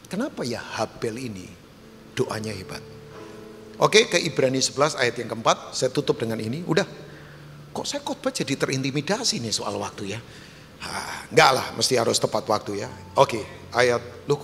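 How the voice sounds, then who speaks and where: A man pastor preaching a sermon in a church, animated and emphatic, joking with the congregation. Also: mid-range voice, a little hiss or hum. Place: church hall. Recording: live church hall with long reverb.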